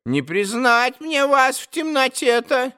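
A shrill, thin old servant woman, put on by a male narrator in a storybook reading. She scolds and chatters in homely, deferential speech, her voice very high and piercing. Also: sing-song, takes it slowly, sharp tone, clear, resonant tone, full character voice. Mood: chatty. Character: fussy old woman servant, startled and sharp. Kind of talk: audiobook character reading.

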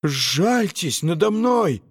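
A man's voice: high-pitched, big pitch swings, moderate pace, dry recording, pitched above the performer's own voice, exaggerated voice. A frightened little dwarf cook, pleading and begging in a raised, anxious voice for a storybook reading, as a male narrator plays him. Dry, close sound.

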